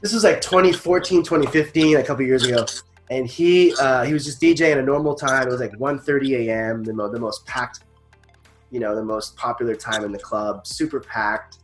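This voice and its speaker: A man's voice: mid-range voice, fairly even intonation, a little fast, faint music behind. A man hosting a casual interview, friendly and chatty, telling stories with frequent fillers. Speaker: interviewer host. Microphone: livestream call.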